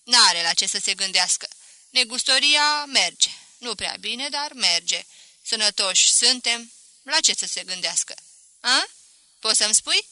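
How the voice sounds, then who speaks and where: A loud, self-pitying middle-aged shopkeeper from a storybook reading, grumbling over and over about his lot, as a woman acts him out. The voice is bright and close, with a dry, echo-free sound. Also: a little high, lively intonation. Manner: loud, complaining, repeating himself.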